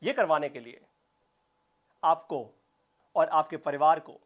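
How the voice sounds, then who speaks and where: Male business coach, high register, punchy and repetitive, pumped-up live-class delivery. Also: takes it slowly, lo-fi sound. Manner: high-energy, emphatic, repeats phrases for punch. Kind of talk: live online business class with audience shout-outs.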